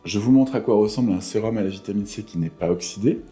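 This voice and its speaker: A man with a low, mellow voice that sounds fresh out of bed. He chats informally and playfully as a skincare vlogger, over faint music. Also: fast talker. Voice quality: just-woken morning voice. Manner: informal, chatty, with playful exclamations. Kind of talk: casual morning routine vlog. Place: at home in a bathroom.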